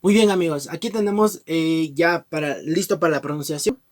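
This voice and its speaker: A man giving a casual online lesson as an amateur teacher, friendly and repeating each sound slowly for learners. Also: on the high side, soft background music. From Ecuador.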